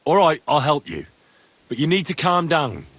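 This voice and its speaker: A man playing a steady, helpful young adventurer in a video game, speaking in a firm, questioning manner. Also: a little high, normal speed. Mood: firm, concerned. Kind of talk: dramatic video game acting.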